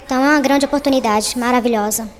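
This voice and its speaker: Voice-changed woman, high and reverberant. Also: fairly even intonation, very fast, a little hiss or hum. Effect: voice disguised with a voice changer. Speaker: interviewee, vocational course student. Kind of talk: news interview clip.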